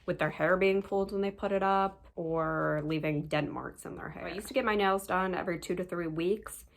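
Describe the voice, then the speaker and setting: A young woman with a low voice and a gravelly fry, reviewing her monthly beauty favorites in a relaxed, chatty way. She keeps recommending things straight to her viewers. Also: normal speed. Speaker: beauty vlogger. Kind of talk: casual product review.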